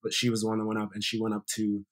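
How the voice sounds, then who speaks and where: A young guest from Sierra Leone, who has an American accent and used to play college soccer, rattles off stories rapid-fire in a lowish voice. The casual interview happens over video call from a bright indoor room, and his storytelling is relaxed and filler-heavy.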